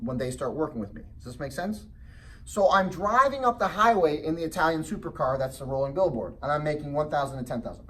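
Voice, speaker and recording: Seminar presenter, man, lively storytelling, a bit high-voiced, mic set back from him. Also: far from the mic. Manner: animated storytelling with frequent rhetorical check-ins. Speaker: real estate investing seminar presenter. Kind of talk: motivational sales seminar talk.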